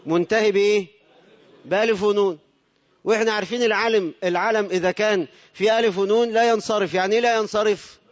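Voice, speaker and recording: A man with an Egyptian Arabic accent teaching a grammar lesson to a class, putting questions to the students and answering them himself. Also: sits high. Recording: dull lo-fi recording with long hall reverb.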